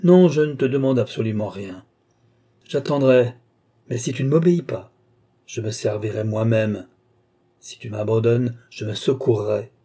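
A man's voice: on the low side, steady tone, moderate pace, mellow, breathy edge. A man voicing a frail, bedridden, tyrannical old male alchemist in an audiobook, imperious and scornful. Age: older. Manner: imperious, scornful, rising to fierce outbursts. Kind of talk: audiobook character reading.

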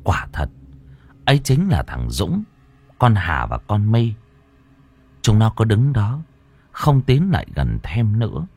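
A man's voice: fairly low pitch, wildly swooping pitch, darkish tone, slightly rough. Man narrating a ghost story. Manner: dramatic, slow and ominous.

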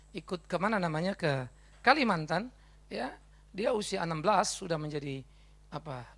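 A male pastor with a Batak accent, preaching a sermon in a lively, conversational storytelling way and acting out bits of dialogue. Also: high-pitched. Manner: animated storytelling, conversational asides; acts out dialogue in his story.

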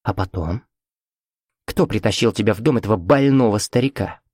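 A man's voice: lowish voice, moderate pace, a little mellow, dry recording, studio quality, lightly acted. A man voicing a cold, scornful middle-aged mother who talks down to her daughter in a cutting, commanding way, in an audiobook. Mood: mocking.

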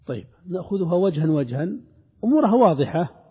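Arabic grammar teacher in an echoing hall. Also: male voice, fairly high pitch, big pitch swings, mellow, husky, dull audio. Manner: recites verse and examples slowly, then explains. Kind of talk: classical grammar lesson.

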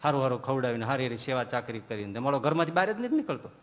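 A man's voice: mid-range voice, very animated, very fast, fairly bright tone, pitched below the performer's own voice. A male preacher voicing a stern divine master who firmly scolds a devotee in a told story.

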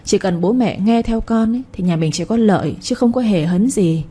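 A woman's voice: mid-range voice, moderate pace, dark tone, husky, natural voice. A woman voicing a cunning young village woman who pouts and insists. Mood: wheedling. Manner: pouting, insistent.

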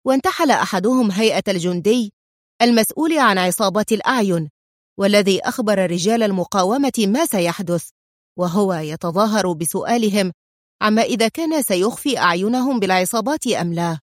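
A woman narrating a story as an audiobook, in a steady and measured storytelling manner, close to the mic. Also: medium pitch, dry recording.

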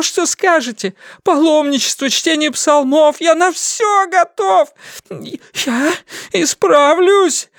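A man's voice: very high voice, fairly bright tone, no echo, studio quality, pitched above the performer's own voice, exaggerated voice. A man voicing a cowardly fake preacher who sobs and begs frantically under torture. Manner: sobbing, frantic pleading.

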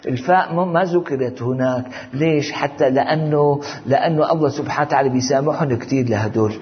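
A man's voice: fairly high pitch, fast. A man giving an informal religious lesson, talking conversationally and often checking that listeners follow. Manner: conversational, often asks "you see?". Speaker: religious teacher. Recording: dull audio with long hall reverb.

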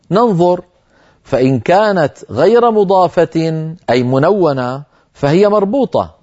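A man teaching Quran reading in a broadcast lesson, explaining slowly and chanting the quoted verses. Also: a little high, a little mellow, dull audio. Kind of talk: televised religious lesson.

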